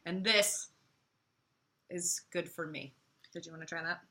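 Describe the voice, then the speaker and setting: A bubbly American woman talks casually and playfully about everyday products, laughing easily. Her voice is very bright and forward. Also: lowish voice, fairly even intonation, measured pace. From United States. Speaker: co-host.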